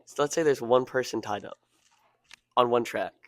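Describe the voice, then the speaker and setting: A man's voice: mid-range voice, moderate pace, a bit bright, dry recording, studio quality. A man interviewer casually putting questions to a guest.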